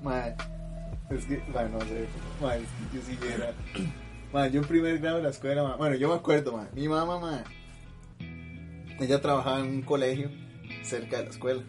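A man with a Costa Rican accent telling a story in casual chat, lively and full of slang fillers, often laughing. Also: mid-range voice, moderate pace, long pauses, over music. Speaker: podcast host telling a story.

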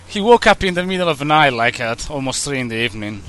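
A man from the Basque Country with a Basque accent, conducting a casual interview in a halting, informal way, searching for words. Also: a little high, sharp tone, slight background noise. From Basque Country, Spain.

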